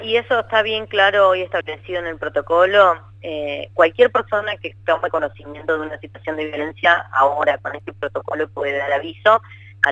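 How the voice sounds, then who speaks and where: Brief: a minister, speaking formally and measuredly over a bad phone connection that keeps breaking up. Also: male voice, fairly high pitch, bright, forceful tone, dry recording. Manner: measured and formal, stresses key words. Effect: choppy bad phone connection. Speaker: government minister interviewed by phone. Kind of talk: formal official explanation. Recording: dull, dry, choppy phone line.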